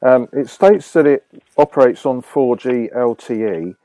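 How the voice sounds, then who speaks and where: A man's voice: medium pitch, expressive, measured pace, dark tone, dry recording. A man phoning a company as a customer, questioning insistently and correcting the person he speaks to. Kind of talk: phone call complaint.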